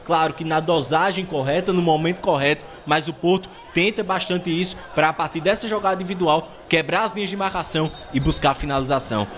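A Brazilian man works as a football analyst on a live broadcast. He explains at length in a high-pitched voice and moves along quickly. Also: fairly bright tone. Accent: Brazilian Portuguese. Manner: wordy, explanatory.

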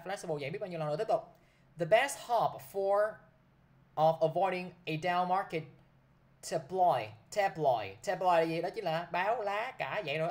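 A man teaching English vocabulary to a class, who keeps checking with his students by repeating a short prompt. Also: fairly high pitch.

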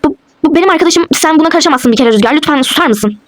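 A cold, defiant young wife, as a woman puts her on in a toy role-play. She speaks fast in a high voice, with curt, dismissive retorts. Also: expressive.

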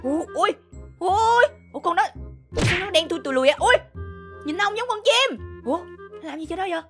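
A woman's voice: very high-pitched, expressive, a little fast, fairly bright tone. A young woman hosting a game role-play, chirpy and full of surprised exclamations. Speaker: channel host playing a boy in a game role-play. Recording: game music playing behind.

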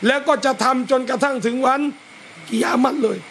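A man, a religious teacher, gives a lively lecture at a home gathering, talking straight to his listeners. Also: very high-pitched, a little fast, slight background noise. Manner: lively, talks straight to listeners and acts out scolding parents.

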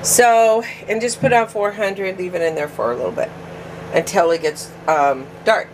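A woman's voice: lowish voice, normal speed, background noise. A woman vlogging a casual cooking demo in her home kitchen, chatty and rambling with many fillers and restarts, breathing hard.

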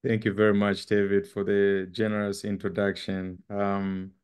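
A man's voice: lowish voice, flat delivery, moderate pace, darkish tone, smooth. A middle-aged man from Zambia giving a webinar talk on a video call, earnest, with frequent ums and repeated words. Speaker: guest speaker. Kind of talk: webinar presentation. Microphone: webcam on a video call.

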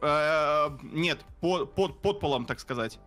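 A man in casual chat with friends, explaining words in a party game with halting, filler-heavy speech and swearing. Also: a little high, a bit bright, soft background music.

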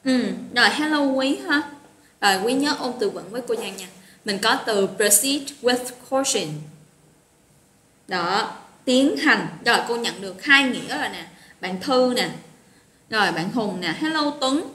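A woman's voice: fairly high pitch, lively intonation, measured pace, bright, forceful tone. A woman teaching an English vocabulary lesson online, chatty and encouraging, greeting students by name. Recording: roomy echo with faint noise.

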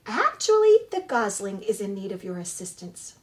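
A woman voicing a polite, literal-minded female robot who speaks in a flat, measured, formal way in a storybook reading. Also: medium pitch, natural voice.

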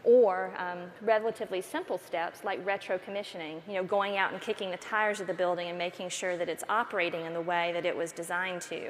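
A woman's voice: lowish voice, steady tone, brisk, hardly any pauses. A woman in her thirties, a federal official on a panel, talking fluently with frequent fillers. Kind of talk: panel discussion. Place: large auditorium stage. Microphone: lapel. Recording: hall reverb, faint room noise.

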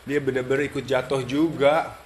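Dog owner hosting a live stream: coos baby talk at his pets, then chats to viewers, with steady background noise. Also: medium pitch, moderate pace. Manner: switches between cooing baby talk to his dogs and chatty asides to viewers. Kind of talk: casual live stream chat.

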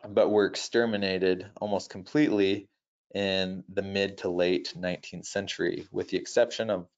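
A man presenting wildlife in an unscripted nature documentary style, measured and informative, with halting self-corrections. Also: deep voice, steady tone, highs cut off.

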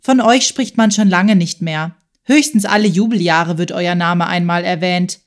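A woman voicing a clever, eager boy detective in a children's audiobook, talking in a quick, scheming way. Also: fairly low pitch, lightly acted. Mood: reassuring.

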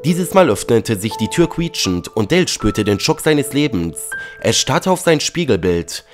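A man narrating a dramatic story in a lively reading tone. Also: mid-range voice, moderate pace. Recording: faint background music.

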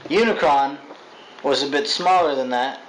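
A man's voice: fairly high pitch, normal speed, a little hiss or hum, poor audio. A young man chatting casually about a movie, rambling, swearing and stumbling over his words. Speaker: co-host. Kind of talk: casual movie review chat.

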